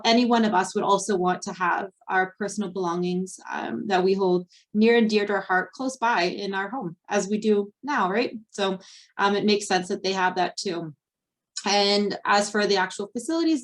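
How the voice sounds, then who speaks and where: A young adult woman presents a slide webinar at a middle pitch. She explains things step by step and pads her sentences with frequent ums and fillers. Her delivery stays informal and conversational. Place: Ontario.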